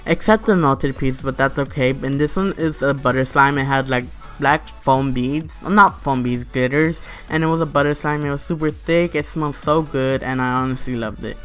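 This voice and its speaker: High-voiced, gushing young-sounding man over music. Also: moderate pace, hardly any pauses. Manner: gushing, excitable, heavy use of "like", "you guys" and "super". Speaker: slime shop reviewer, video host. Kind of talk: casual voice-over product review.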